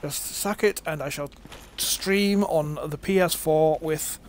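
A man's voice: on the high side, slow. A middle-aged man streaming a game, chatting casually, mocking himself, swearing, and crying out in alarm when things go wrong. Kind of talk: casual gameplay commentary. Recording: game music loud behind the voice. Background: game music.

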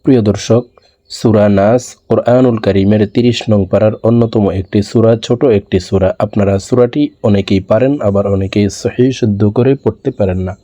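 A man teaching Quran recitation, spelling out syllables slowly and chanting verses high and drawn out. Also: fairly even intonation, dark tone, no echo. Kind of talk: slow spelled-out recitation lesson.

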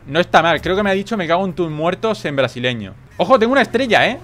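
Lively excitable Spanish gamer man. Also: sits high, faint music behind. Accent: Spain Spanish. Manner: excitable, swearing, quick exclamations. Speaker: gaming YouTuber. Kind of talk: gameplay commentary.

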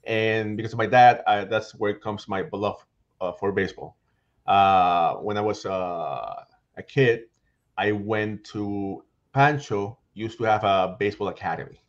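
A middle-aged man from Puerto Rico, speaking with a Puerto Rican accent, appears as a guest baseball writer in a casual video-call interview, talking animatedly through a headset from a small home room with shelves. His voice is fairly low, the highs are cut off, and he often restarts phrases.

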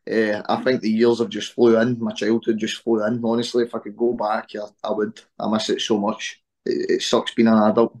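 A Scottish man in his early twenties, a guest speaking casually over a video call, relaxed with lots of "eh" fillers. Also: on the low side, normal speed, hardly any pauses. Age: 20s. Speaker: interview guest, wrestler. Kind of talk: casual interview chat. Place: small room at home on a video call.

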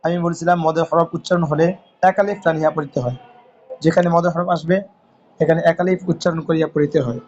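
A man from Bangladesh teaching Quran reading. He spells out Arabic letters and vowel marks one at a time, then blends each word, and talks faster when he explains a rule. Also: fairly high pitch, steady tone, darkish tone, a little hiss or hum. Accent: Bangladeshi Bengali. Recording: dull lo-fi recording.

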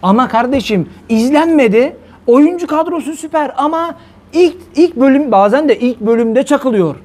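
A man's voice: very high-pitched, expressive, moderate pace, a little mellow. A male preacher giving a heated religious talk, firing rhetorical questions at his listeners. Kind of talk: fiery religious talk to viewers.

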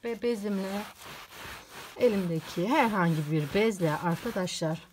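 A woman's voice: medium pitch, normal speed, a little mellow, slight background noise. A woman in a casual how-to home cleaning video, chatting to viewers as friends while she works on a rug at home.

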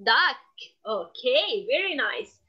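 High-pitched woman teaching a child to count. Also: big pitch swings, slow, breathy edge. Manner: encouraging, with short simple prompts and repeats. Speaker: kindergarten maths teacher. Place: video call. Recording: muffled online class audio.

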